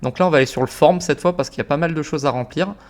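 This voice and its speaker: A young man explaining a software automation setup step by step in a casual, informal way, with frequent fillers and slang. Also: on the high side, rapid-fire. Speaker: automation tutorial creator. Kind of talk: casual screen-recorded tutorial.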